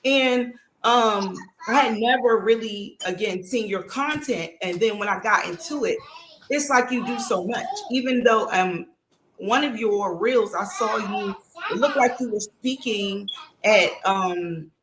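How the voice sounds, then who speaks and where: A woman in her forties hosting a casual podcast interview, animated and chatty, often bursting into excited exclamations. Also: mid-range voice, a little slow. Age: 40s. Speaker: podcast host. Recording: echoey room with audible background noise.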